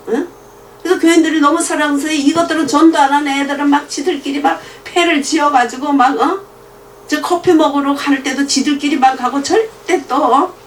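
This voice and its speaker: A middle-aged woman preaches with a fairly high, very lively voice, acting out conversations as she tells her stories. She sounds a little far from the mic, in a roomy, echoey space with faint hum underneath. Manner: animated, acts out dialogue in different voices, laughs often. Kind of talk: sermon with storytelling. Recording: echoey room picked up from a distance.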